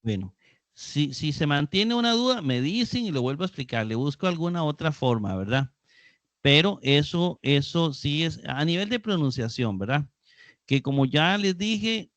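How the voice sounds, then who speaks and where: A man's voice: a little high, fairly bright tone, no echo. A man teaching a live Greek class, explaining patiently and repeating key terms. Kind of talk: live online class lecture.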